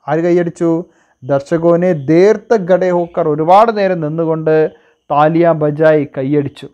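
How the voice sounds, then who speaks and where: A man's voice: on the high side, dark tone. A man with a Malayali accent teaching a Hindi lesson in Malayalam. He reads each phrase, translates it and asks questions about it.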